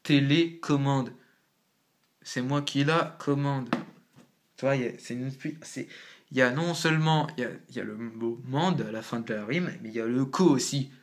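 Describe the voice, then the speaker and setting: A man talks through a casual home-made tutorial at a middle pitch. His speech is slangy and loose, and he works things out aloud as he goes. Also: moderate pace. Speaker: amateur rapper explaining rhyme.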